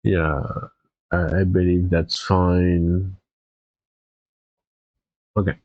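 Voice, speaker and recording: A man's voice: low voice, level tone, drawn-out words, no room sound, dull audio. A tired, congested man chatting casually as a live-stream host, rambling easygoing with fillers and restarts. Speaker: Twitch streamer.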